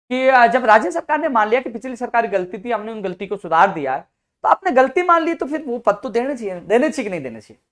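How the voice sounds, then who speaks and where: A man speaking as a youth activist to job seekers, fervent and full of rhetorical questions, swinging from soft lines to loud outbursts. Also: high voice. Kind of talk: impassioned advocacy video.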